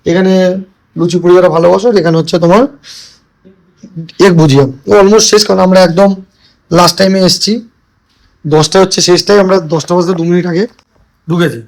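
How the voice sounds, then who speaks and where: A man's voice: high voice, fairly even intonation, brisk, gravelly, long pauses, low-quality recording. A man talking casually to his viewers as he films his trip around a seaside hotel and restaurant on a phone camera. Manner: chatty, addresses viewers directly. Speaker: travel vlogger. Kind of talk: casual travel vlog.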